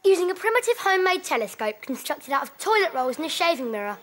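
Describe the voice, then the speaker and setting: A woman playing a sharp, sarcastic, bossy girl in a children's sitcom, dry and scolding. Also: sits high, sing-song, quick pace. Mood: dry sarcasm. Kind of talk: scripted children's sitcom acting.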